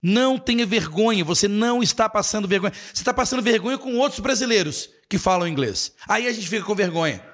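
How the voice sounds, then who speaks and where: A man's voice: sits high, animated, fast talker, a bit bright. A middle-aged Brazilian man hosting a live English class, encouraging viewers and repeating key phrases, mixing in English. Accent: Brazilian Portuguese.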